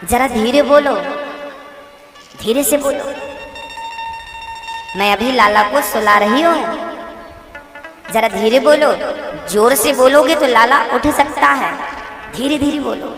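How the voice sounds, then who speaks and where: A man's voice: very high-pitched, unhurried, sharp tone, heavily acted. Grieving old mother voiced by a male preacher, scolding and tearful; long hall reverb, faint music behind. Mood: hushing. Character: grieving elderly mother lost in love, woman.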